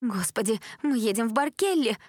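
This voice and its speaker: A woman voicing a frightened teenage girl in a storybook reading, with a shrill, pleading manner. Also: a little fast, dry recording, studio quality, natural voice.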